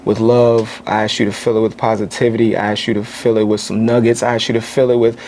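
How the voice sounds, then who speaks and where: A man's voice: fairly low pitch, level tone, darkish tone, slight background noise. Thoughtful thirty-something male guest. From Kansas City, US. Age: 30s. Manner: thoughtful, pauses with "uh" and "um". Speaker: podcast guest, actor. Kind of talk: relaxed interview talk.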